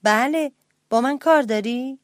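A chirpy storybook woodpecker, voiced by a woman, pitched up and full of nosy questions, quick to tease. The delivery is loud and bouncy. It sits in a dry, close recording. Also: no echo, natural voice. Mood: curious. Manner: quizzing, mocking. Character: nosy, teasing woodpecker who laughs easily.

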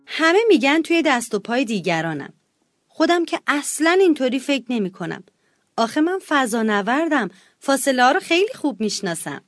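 A woman narrating a children's bedtime story in an expressive storytelling manner. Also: high voice, faint music behind.

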